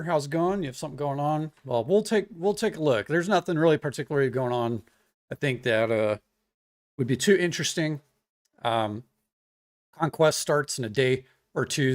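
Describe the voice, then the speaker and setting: Regular guy rambling to his stream chat on one mic, mid voice, relaxed, lots of ums. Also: mid-range voice. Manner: easygoing and rambling, greets chat viewers, many fillers. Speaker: live streamer, software developer. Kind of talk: casual live-stream chat. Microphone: single desk microphone.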